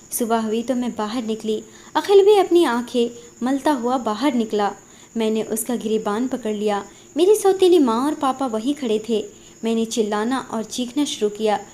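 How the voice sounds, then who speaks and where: A woman's voice: a little high, a little mellow. A woman narrating an emotional first-person Hindi story in an earnest, dramatic way.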